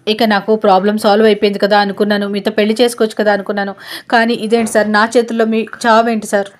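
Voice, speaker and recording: A woman voicing an obsessive young woman who keeps pleading and apologising, in a flat, even tone. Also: medium pitch, very fast, close to an everyday voice. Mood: desperate.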